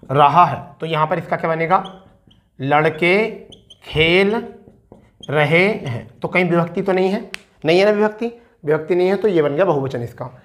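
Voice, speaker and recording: A male teacher talking students through an exam practice set. He checks in with them often and keeps urging them on, drawn out slowly when he reads verse aloud. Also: fairly high pitch, fairly bright tone. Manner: coaxing, repeats "ठीक है" often; recites verse slowly and deliberately. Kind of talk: explaining a practice test.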